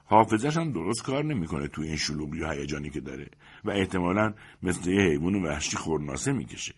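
A man voicing a brash, nosy male best man at a wedding, loud and mocking. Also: deep voice, animated, breathy edge. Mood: indignant.

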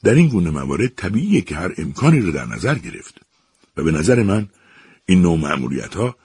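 A man voicing a calm, polite army captain in a storybook reading, speaking formally and evenly. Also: deep voice, breathy edge, no echo, full character voice.

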